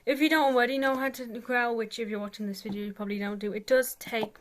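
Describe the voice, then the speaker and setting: A woman's voice: on the high side, steady tone, quick pace. A woman giving a casual, rambling tutorial as an amateur vocalist, hesitant and self-deprecating, saying "like" very often.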